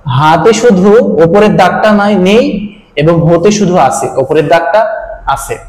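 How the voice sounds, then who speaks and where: A man's voice: high voice, animated, moderate pace, a little mellow. A man teaching a step-by-step video lesson on writing Japanese letters, explaining patiently with small fillers. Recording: echoey room.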